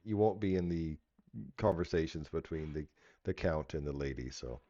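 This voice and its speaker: A man running a tabletop game as game master, narrating casually and making it up haltingly as he goes. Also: extremely low pitch, animated, warm tone, no echo. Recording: slightly dull, muffled audio.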